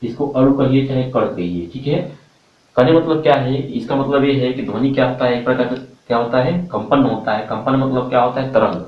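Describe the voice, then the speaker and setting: A man's voice: mid-range voice, a little fast, a little mellow. Man teacher, lecturing a class, asks and repeats answers, roomy echo, distant mic. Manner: addresses students as dear children, repeats questions for the class to answer. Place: classroom with a board. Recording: roomy, from far off.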